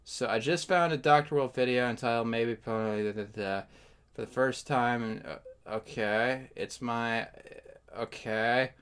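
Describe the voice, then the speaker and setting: A man's voice: medium pitch, measured pace, fairly bright tone, smooth. A man casually reacting to a video on his stream, stammering, swearing and sounding incredulous.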